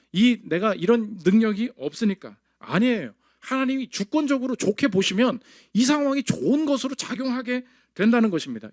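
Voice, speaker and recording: A male pastor delivers an emphatic sermon in a high, lively voice that swoops up and down. The sound is dry and close, with little room echo. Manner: emphatic preaching, voices God's words and congregants' complaints.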